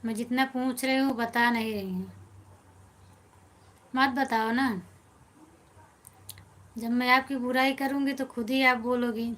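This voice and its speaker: This live-stream host, a woman whose fairly high voice carries an Awadhi accent and a fairly bright tone, keeps things chatty and friendly. She reads comments from viewers out loud and answers with gentle teasing, at a measured pace with fairly even intonation and many pauses.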